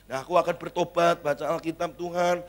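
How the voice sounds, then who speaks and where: A middle-aged male pastor preaches in church, swinging from loud exclamations to quiet, chatty asides and acting out little dialogues. His voice is fairly high and level in tone, and he speaks briskly.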